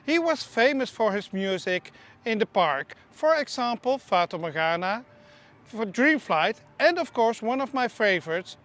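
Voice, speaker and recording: A chatty, opinionated woman with a fairly high, slightly bright voice presents theme park news in a casual vlog narration, making small slips and restarts along the way.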